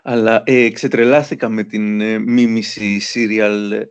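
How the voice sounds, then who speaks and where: A man's voice: lowish voice, flat delivery. A male interviewer reading listener questions in a casual chat and laughing along.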